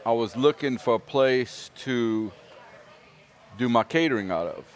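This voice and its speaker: A man's voice: mid-range voice, unhurried. A man from south Louisiana, a restaurant owner and cook, talking casually in an interview, jokey and laughing often.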